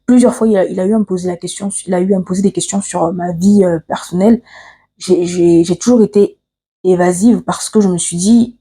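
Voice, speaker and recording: Husky-voiced woman telling a personal story. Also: fairly low pitch, steady tone, a little fast, warm tone. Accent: African French. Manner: hesitant, frequent "euh" fillers and restarts; earnest, confiding. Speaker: vlogger.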